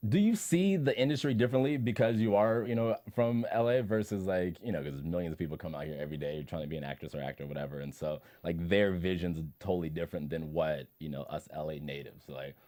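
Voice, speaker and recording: Deep-voiced casual man from Los Angeles. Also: fast, hardly any pauses, warm tone. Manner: loose phrasing full of "like" and "you know". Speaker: interview co-host. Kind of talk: casual chat interview.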